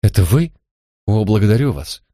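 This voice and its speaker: A man reading the lines of a proud, flustered woman in an audiobook, with short quick replies. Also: fairly low pitch, very animated, warm tone, no echo, clean studio sound.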